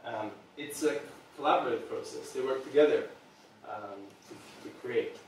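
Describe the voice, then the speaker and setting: This public presentation features a product designer from Serbia, in his thirties, speaking earnestly to a small group and often hesitating with ums. His medium-pitched voice keeps a moderate pace. The far meeting-room camera picks up heavy reverb and slight noise.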